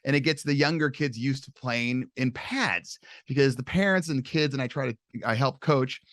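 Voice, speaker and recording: A man in his forties from California, a long snapping coach telling his life story as a podcast guest, quick and animated with some mild swearing. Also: medium pitch, dry recording, studio quality. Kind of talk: casual storytelling interview.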